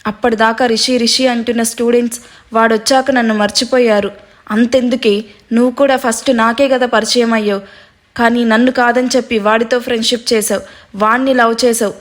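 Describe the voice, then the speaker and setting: A woman's voice: a little high, steady tone, fairly quick, close to an everyday voice. A woman voicing a vengeful, scheming young man who threatens and dominates his bride-to-be. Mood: threatening.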